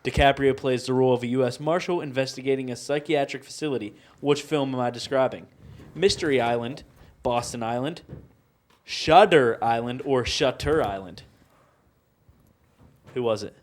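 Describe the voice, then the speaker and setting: A man's voice: mid-range voice, a little fast, darkish tone. A young man hosting a student TV quiz game, reading out questions playfully and teasing the players with countdowns. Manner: reads questions aloud, laughs often, teasing countdowns. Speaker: quiz show host.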